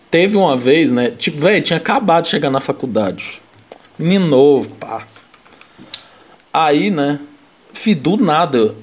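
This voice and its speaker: A man's voice: fairly high pitch, darkish tone. A young man, casually telling a story in rambling chat, laughing and packing in slang fillers.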